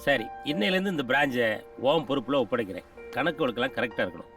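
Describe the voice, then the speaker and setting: A man's voice: mid-range voice, very animated, fast talker, a bit bright. An actor playing a stern, wealthy male boss who speaks curtly and with menace, in a film recording heard from a distance over music. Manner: curt, threatening. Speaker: business owner. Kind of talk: Tamil film acting.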